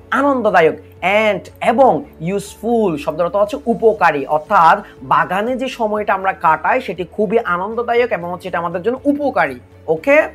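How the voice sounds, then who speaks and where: A woman's voice: mid-range voice, husky. A woman teaching an English lesson, going through a paragraph word by word and quizzing her listeners with questions before repeating the answers.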